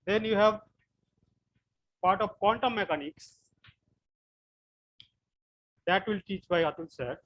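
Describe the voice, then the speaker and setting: A man from West Bengal with an Indian English accent, giving an online physics class and explaining slowly with frequent repetitions. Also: high-pitched, lo-fi sound. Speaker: physics lecturer.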